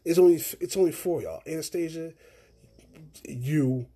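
A man's voice: fairly high pitch, unhurried, mellow, breathy edge. A young man hosting a solo podcast, telling long rambling stories in casual, profane slang. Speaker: podcast host.

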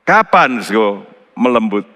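A man preaching a sermon, earnestly addressing his listeners. His voice leaps high for emphasis, then drops low and quiet on solemn points. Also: sing-song, moderate pace. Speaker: pastor. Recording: long hall reverb.

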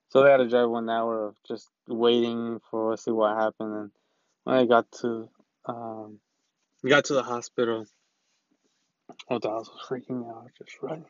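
A man's voice: medium pitch, clear, resonant tone, no room sound, muffled recording. A young man telling a personal story in a casual, rambling way, with many restarts. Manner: rambling, loose, full of restarts.

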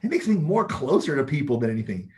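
A man's voice: a little high, very animated, fast, darkish tone. A man talking bluntly and emphatically as an interview guest, laughing often as he makes his points. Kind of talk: casual chat.

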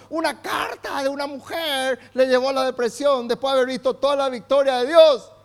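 A man with a very high voice preaches in with emphatic fervor. He calls on the congregation to repeat phrases back to him. He acts out the quoted lines of biblical figures. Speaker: pastor. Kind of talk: sermon.

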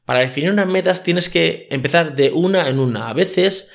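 Man, slightly high voice. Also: normal speed, vocal fry. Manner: hesitant, frequent "eh" fillers. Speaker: life coach. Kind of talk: casual podcast monologue.

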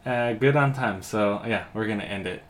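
A man's voice: lowish voice, moderate pace, crowd noise. A man hosting a casual podcast, talking loosely and laughing often. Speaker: podcast host. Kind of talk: casual chat.

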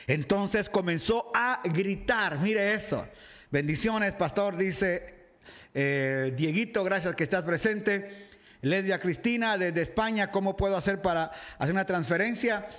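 High-voiced animated Ecuadorian pastor. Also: male voice, unhurried. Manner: animated, acts out the crowd and shouts in the story; reads out viewers' comments and greets them by name. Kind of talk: livestreamed sermon and Bible reading. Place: home, dressed casually for a live video.

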